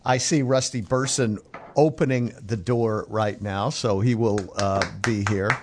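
A man hosting a sports radio talk show, easygoing and quick with short replies. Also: on the low side, steady tone, background noise. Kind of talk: casual radio chat. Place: radio studio.

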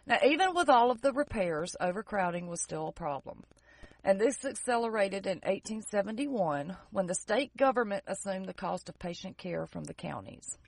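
A woman's voice: medium pitch, animated, moderate pace, vocal fry, no room sound. A woman casually telling a history story on a podcast, reading out dates from her notes and adding sarcastic jokes. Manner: jokey, with sarcastic asides; reads out dates and figures from notes. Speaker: podcast co-host presenting history.

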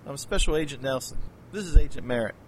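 A man voicing a male special agent, dry, matter-of-fact, faint rumble behind, audio drama. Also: fast, close to an everyday voice. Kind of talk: amateur audio drama acting.

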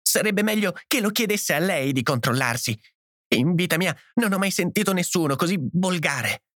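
A man voicing a distraught young mother, pitching his voice high and letting it break as she sobs. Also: very animated, moderate pace, no echo, studio quality. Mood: tearful.

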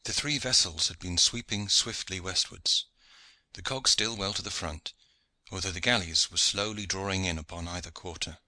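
Low, very bright-voiced male reader. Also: moderate pace, no echo. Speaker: audiobook narrator. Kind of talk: scripted narration.

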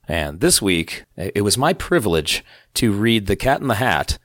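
A man co-hosting a casual podcast, hoarse from losing his voice, trading dry jokes. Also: lowish voice, very animated, measured pace, a bit bright, no room sound. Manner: dry, joking banter. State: hoarse from lost voice. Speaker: podcast co-host. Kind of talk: casual chat.

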